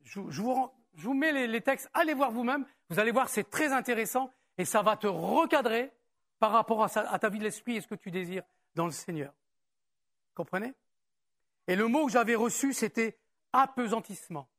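A man preaches at a church service in the easy, conversational way of a pastor speaking directly to his people, sprinkling in rhetorical questions. His voice is extremely high, fairly bright, with lively intonation. When he reads a passage aloud, he becomes slower and more measured.

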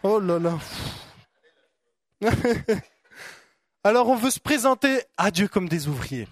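High-voiced pastor preaching with fire. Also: male voice, takes it slowly, no room sound, clean studio sound. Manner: animated, shouts acted-out inner voices, then calms to soft prayer talk. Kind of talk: lively sermon.

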